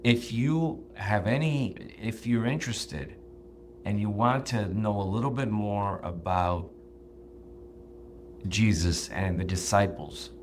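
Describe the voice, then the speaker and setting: Man, very low voice, podcast co-host, casual chat, earnest, measured. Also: a little hiss or hum.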